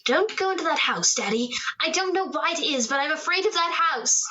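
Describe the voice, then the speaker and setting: A woman's voice: high-pitched, animated, brisk, pushed and bright, muffled recording, a little hiss or hum. A woman acting in an old radio drama as a young daughter, affectionate and teasing with her father. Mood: uneasy. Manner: affectionate, teasing, then pleading. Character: young woman Margaret, playful and clinging.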